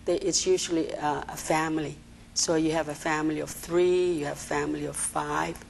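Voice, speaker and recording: Woman, low gravelly voice, halting TV interview guest, slight background hiss. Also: little pitch movement, poor audio. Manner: hesitant, many fillers and restarts. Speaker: executive director of a social services agency, interview guest. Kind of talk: TV interview answers. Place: TV studio.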